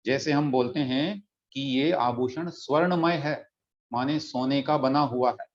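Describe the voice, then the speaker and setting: A man teaching a religious text in an online class, patiently explaining pronunciation and slowly chanting verses. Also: medium pitch. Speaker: scripture teacher. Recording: dull lo-fi audio.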